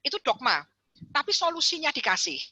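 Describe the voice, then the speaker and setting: A woman psychologist and counselor giving a parenting talk over a video call, lively and acting out parents and children as she explains. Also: high voice, a little fast, no echo. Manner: animated, acts out parents and children in quotes; addresses listeners repeatedly as parents. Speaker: guest speaker, psychologist and counselor.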